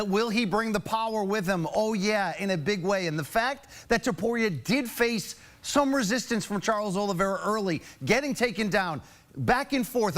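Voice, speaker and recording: A man's voice: sits high, fairly bright tone. A man working as a studio sports analyst, giving fight punditry in emphatic, punchy phrases. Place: broadcast studio set.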